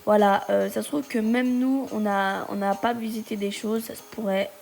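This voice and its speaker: A woman giving casual gameplay commentary in a chatty, halting way, often exclaiming at what she finds. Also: medium pitch, steady tone, vocal fry, darkish tone. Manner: halting, many hesitations. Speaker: gaming video creator.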